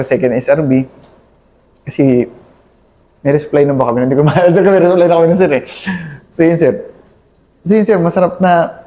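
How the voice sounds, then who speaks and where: A young Filipino army captain, his voice warm and medium-pitched, is being interviewed about his service. He answers hesitantly and deferentially, with lots of fillers, and says "sir" to the interviewer in almost every line.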